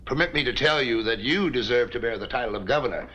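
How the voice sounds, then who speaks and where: An actor playing a dignified territorial governor who speaks in a formal, oratorical manner. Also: male voice, mid-range voice, fast, pushed and bright. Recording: dull 1950s TV soundtrack.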